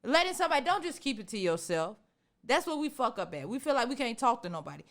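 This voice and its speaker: Fast-talking candid young woman. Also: on the high side, sing-song, fairly bright tone. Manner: candid and emphatic, talks fast over others. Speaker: podcast co-host. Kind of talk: casual group chat.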